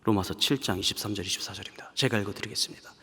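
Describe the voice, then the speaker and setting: A man preaching a sermon as pastor, moving between fervent raised passages and hushed whispers. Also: on the low side, very fast, husky. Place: large church sanctuary. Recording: long hall reverb from a large church.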